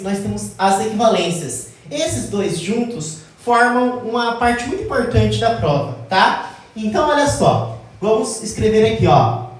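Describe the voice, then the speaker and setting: A woman teacher explaining logic at a whiteboard, often checking in with the class and slowing down to stress key terms. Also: mid-range voice. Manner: addresses class as "gente", checks with "tá?"; slows down to stress key words. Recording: very echoey room, mic far off.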